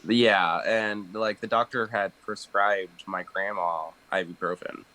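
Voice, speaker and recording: A young man co-hosting a podcast, talking haltingly with many fillers and restarts. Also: on the low side, fairly even intonation, bright, forceful tone, poor audio. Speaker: podcast co-host. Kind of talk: casual podcast chat.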